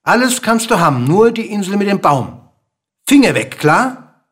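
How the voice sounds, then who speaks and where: A man voicing a small grey bird in a storybook reading, with a hoarse, hissing, bossy manner. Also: fairly high pitch, very animated, a little slow, heavily acted. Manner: insistent, lecturing, bossy.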